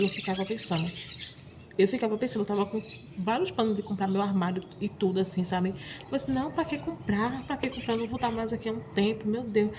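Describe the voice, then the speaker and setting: A woman speaking to her vlog audience in a warm, mellow voice. She talks in an emotional, confessional way, circling back over the same phrases again and again. A faint noise sits under her voice. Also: mid-range voice. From Pernambuco, Brazil. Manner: repetitive, often addressing viewers directly. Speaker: vlogger. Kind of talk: emotional personal confession to viewers.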